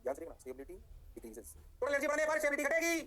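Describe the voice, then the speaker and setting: A man teaching chemistry in an online lecture, energetic, answering his own questions in a students' voice and stressing points by slow repetition. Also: very high-pitched. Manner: repeats words slowly for stress.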